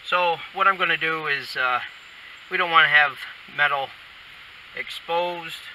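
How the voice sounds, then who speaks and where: A DIY installer with a higher-pitched voice demonstrates a how-to at an unhurried pace, talking casually through the hands-on steps from inside a pickup truck cab. The mic is distant, so he sounds far off, and loud vehicle noise fills the background.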